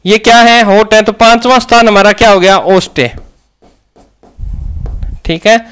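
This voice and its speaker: High-voiced man teaching grammar. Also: fairly even intonation, normal speed, a bit bright, clear, resonant tone. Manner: asks questions and answers them himself. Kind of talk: Hindi grammar lesson.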